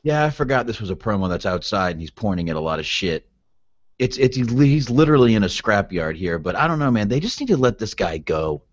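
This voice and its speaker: A man's voice: fairly low pitch, sing-song, fairly quick, no echo. A man co-hosting a casual wrestling chat podcast, laid-back and swearing freely. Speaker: podcast co-host. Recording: dull, dry lo-fi sound.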